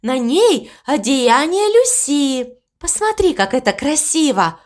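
A woman voicing a calm, motherly cow in a storybook reading, coaxing and patiently explaining. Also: high voice, slow, voice pushed up, full character voice. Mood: delighted.

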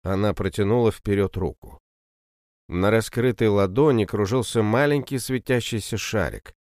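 A man narrating a fantasy novel in the first person, in a steady, even storytelling manner. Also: lowish voice, dry recording, clean studio sound. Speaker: audiobook narrator.

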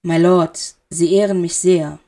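A woman voicing a bitter, guarded male wizard who speaks low and quietly to his master. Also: fairly even intonation, a little slow. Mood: submissive.

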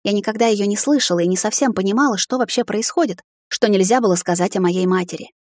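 A woman's voice: mid-range voice, fast, a little mellow, no echo, studio quality. Woman reading a dramatic fantasy audiobook. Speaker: audiobook narrator. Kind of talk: scripted first-person narration.

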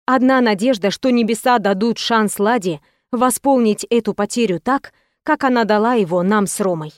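A woman narrating an audiobook in the first person with a steady, expressive reading. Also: fairly high pitch, normal speed, dry recording, studio quality.

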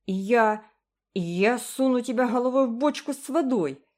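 A woman voicing an angry young boy who shouts threats, in a storybook reading. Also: on the low side, expressive, measured pace. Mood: furious.

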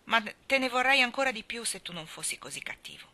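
An earnest young schoolteacher from a storybook speaks gently and sincerely, as a woman reads her lines. Her voice is lifted a little and very bright. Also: on the high side, big pitch swings, a little fast, pitched above the performer's own voice. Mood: gentle.

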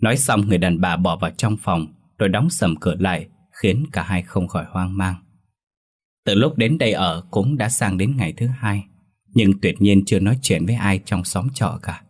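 A man narrating a scripted horror story in a steady, even storytelling voice. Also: low voice, moderate pace, slightly rough.

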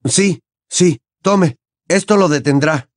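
A man's voice: on the high side, slow pace, dry recording, clean studio sound, pitched above the performer's own voice. A male audiobook reader voicing an anxious teenage boy wizard who talks in a tense, urgent way. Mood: urgent, coaxing. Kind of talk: audiobook character voice.

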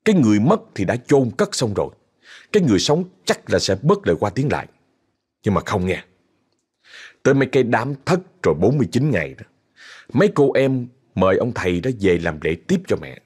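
Man, Southern Vietnamese accent, ghost-story narrator, chatty, raspy, very expressive pitch. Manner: chatty, addresses listeners directly.

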